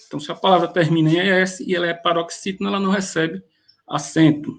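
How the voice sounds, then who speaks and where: A man, explaining grammar exam questions step by step and often pausing to restart a phrase. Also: high voice, steady tone, creaky, noisy background. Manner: methodical, pauses and restarts mid-phrase. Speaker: grammar teacher.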